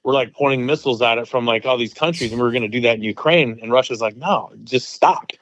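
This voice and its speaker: A retired veteran talking in a casual podcast conversation, opinionated and rambling with many fillers. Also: male voice, medium pitch, quick pace, fairly bright tone. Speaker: retired military veteran guest. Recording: dry, dull lo-fi sound.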